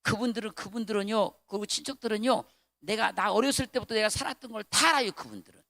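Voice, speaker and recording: A man preaching a revival sermon as pastor, dropping to hushed murmurs and rising to shouted exclamations. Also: high-pitched, quick pace, no echo, studio quality. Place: prayer retreat hall.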